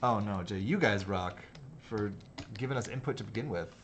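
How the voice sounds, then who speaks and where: A man's voice: lowish voice, normal speed, a little hiss or hum. A man hosting a livestream, chatting casually while he sketches, rambling and hesitant with sudden laughs. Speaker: livestream host and designer. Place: office studio.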